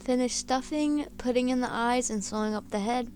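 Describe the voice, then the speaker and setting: A woman's voice: fairly high pitch, moderate pace, darkish tone, soft background music. A woman giving a casual, conversational crochet tutorial voice-over, with a lisp and whistling s sounds. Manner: informal, conversational, with frequent 'like'.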